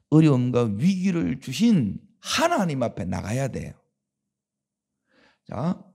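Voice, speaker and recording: A man's voice: mid-range voice, vocal fry, warm tone, husky. A man preaching a dawn sermon as pastor, with a Gyeongsang Korean accent, talking conversationally and asking the congregation rhetorical questions.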